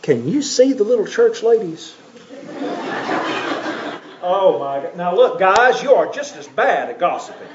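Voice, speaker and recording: A male pastor tells a story in his sermon, asking his listeners to picture each scene and pausing often to check that they follow. His voice sits high for a man. The recording sounds dull and lo-fi. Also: very animated, background noise. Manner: vivid, asks listeners to picture scenes, keeps checking in with "right?".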